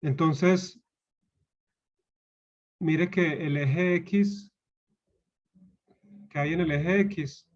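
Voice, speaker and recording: Over a video call, a man with a Colombian Spanish accent gives an online university lecture, patiently repeating key points and questioning his students. His voice is on the high side and extremely slow, with frequent pauses and the highs cut off.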